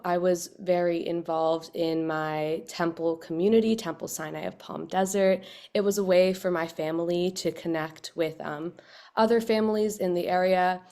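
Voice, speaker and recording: A young woman from Southern California speaks on a panel in a fairly low voice. She tells her own story with light humor. Her tone stays personal and unhurried. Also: a little mellow. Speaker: rabbinical student panelist. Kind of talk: panel talk.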